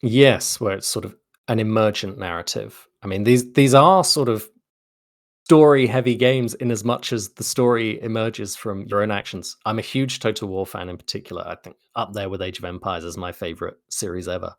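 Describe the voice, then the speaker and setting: Thoughtful and conversational, this man, a game narrative designer being interviewed, explains his ideas articulately. He speaks at a moderate pace in a voice on the low side, recorded at studio quality with no room sound.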